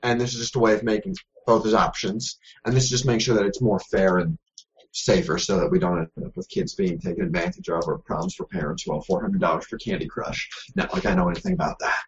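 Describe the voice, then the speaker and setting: A man's voice: on the low side, lively intonation, brisk. A man co-hosting a gaming news podcast, talking casually with many ums and self-deprecating jokes. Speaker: podcast co-host. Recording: dull lo-fi podcast audio.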